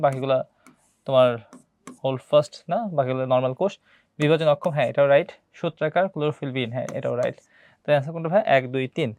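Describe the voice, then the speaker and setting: A man's voice: fairly high pitch, darkish tone. A young man with a Bangladeshi Bengali accent giving an exam-prep biology lecture, quizzing students and answering his own questions, repeating key terms. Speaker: biology teacher.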